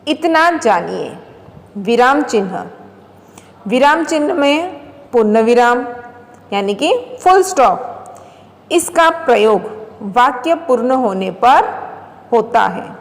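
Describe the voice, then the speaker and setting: Slow-speaking woman teacher, very echoey room. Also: fairly high pitch, animated. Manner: slow and deliberate, stressing example words loudly; addresses children directly. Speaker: school teacher. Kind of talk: classroom Hindi grammar lesson.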